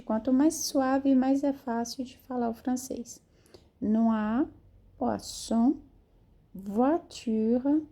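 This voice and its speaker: A woman teaching French pronunciation, repeating each model word slowly and carefully. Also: a little high, dark tone. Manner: slow, drawn-out model words, repeats each phrase. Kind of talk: pronunciation lesson.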